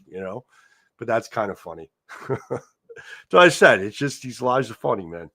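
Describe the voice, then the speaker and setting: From a chair at home, a livestream host with a New York Italian-American accent rambles through viewer comments in casual live chat, repeating words and swearing offhandedly. His voice is fairly low and sharp, with lively intonation at a normal speed.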